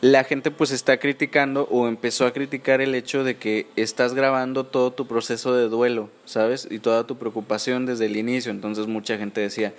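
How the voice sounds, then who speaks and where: A man's voice: mid-range voice, little pitch movement, normal speed, few pauses. A man with a Mexican accent hosting a podcast in a casual, gossipy chat, often tagging his phrases with little questions. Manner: chatty, informal, gossipy, often ends phrases with tag questions. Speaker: podcast host.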